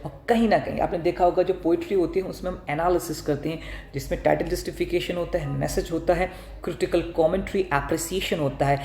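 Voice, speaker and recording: A man teaching an exam-prep lesson, mixing Hindi and English. He explains step by step, poses rhetorical questions and answers them, and often clears his throat. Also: fairly high pitch, fairly even intonation, brisk, darkish tone. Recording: echoey room.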